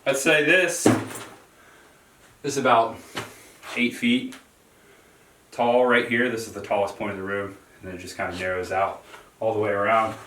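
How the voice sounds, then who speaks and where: A man narrating a casual solo exploring vlog, talking straight to his viewers in short, deliberate phrases. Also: lowish voice, steady tone, a bit bright, a little hiss or hum. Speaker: solo explorer filming a cave tour for viewers. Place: on a forest trail and in a small cave.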